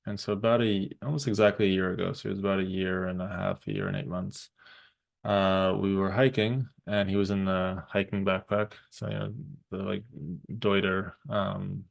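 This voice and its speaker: A man in his thirties talking thoughtfully about parenting, pausing often and restarting his sentences. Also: low voice, vocal fry. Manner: thoughtful, halting, many fillers and restarts. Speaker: parent vlogger. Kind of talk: reflective personal talk.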